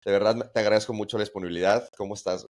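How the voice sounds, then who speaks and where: A low-voiced man with a Mexican Spanish accent hosts a conversation. He asks his questions haltingly, restarting and repeating words as he goes. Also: fairly even intonation. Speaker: podcast host. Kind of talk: conversational interview.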